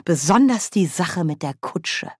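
A woman reading an audiobook, voicing a cheeky, boozy old witch woman with a loud, high, cackling voice. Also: expressive, unhurried, husky, dry recording, clean studio sound. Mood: merry. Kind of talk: audiobook character voice.

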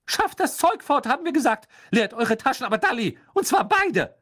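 A man voicing a stern middle-aged mother who scolds in a sharp, shrill tone. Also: expressive, normal speed. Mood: furious.

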